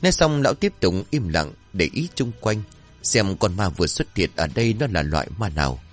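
A man narrating a folk ghost story in a scripted, animated storytelling manner. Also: sits low, fairly quick, faint music behind.

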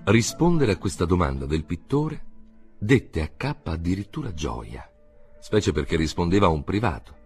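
Low, husky male audiobook narrator. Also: soft background music. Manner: measured, expressive. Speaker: audiobook reader.

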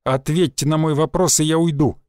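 Guy as a cold unhurried stranger, flat and dry, slightly high voice. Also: smooth, dry recording, natural voice. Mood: cold calm. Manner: calm, dry, level delivery. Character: calm, menacing male stranger, cold and unhurried.

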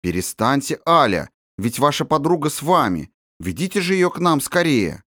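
A man's voice: a little high, sing-song, normal speed, fairly bright tone, dry recording, clean studio sound, voice pushed up. A man reading an audiobook, voicing a kind governess who speaks in a soothing, admonishing way. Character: gentle French governess woman, kind.

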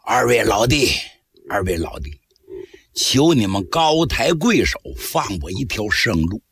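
A man voicing a cunning captured general who pleads and bargains in a low, wheedling voice, in traditional storytelling. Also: sing-song, measured pace, vocal fry, a bit bright, full character voice. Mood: pleading. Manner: low, wheedling, slyly persuasive. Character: captured male enemy general, cunning, pleading then menacing.

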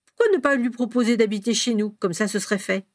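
A calm father, firm with his children and gently reassuring, as a woman reads him aloud. The storybook voice is dry and close. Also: on the high side, fast, no room sound, close to an everyday voice.

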